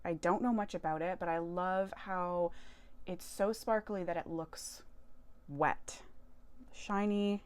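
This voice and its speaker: A tarot and crystal vlogger, a woman with a lowish, darkish, clear and resonant voice, chats casually in a show-and-tell haul of crystals. She speaks slowly with fairly even intonation, sounds enthusiastic, and tends to correct herself.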